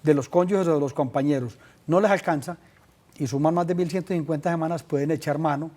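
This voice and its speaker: Mellow-voiced Colombian man explaining law. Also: on the high side. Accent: Colombian Spanish. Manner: measured, explanatory, uses many fillers. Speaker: legal expert guest. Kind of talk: explaining pension law on a call-in show. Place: TV studio.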